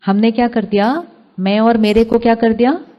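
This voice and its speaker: A woman's voice: fairly high pitch, fairly even intonation, normal speed, highs cut off. An Indian woman giving a spiritual talk to a live audience, asking them questions and mixing English phrases into her speech. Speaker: spiritual speaker.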